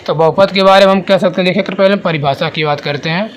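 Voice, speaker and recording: A man teaching a math lesson, asking the class questions and answering them himself, and repeating definitions slowly. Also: high voice, a little hiss or hum.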